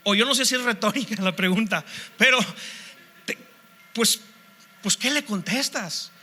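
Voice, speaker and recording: A man's voice: sits high, measured pace, bright, forceful tone. A man preaching a sermon as pastor, passionately posing one rhetorical question after another.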